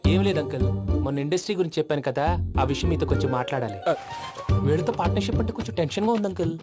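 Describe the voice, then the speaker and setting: A cheeky young man, played by a film actor chats in a brisk rush of words. Loud film score sits behind him. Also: fairly high pitch, animated, loud music behind the voice, close to an everyday voice. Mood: persuasive. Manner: brisk, chatty. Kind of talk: film dialogue.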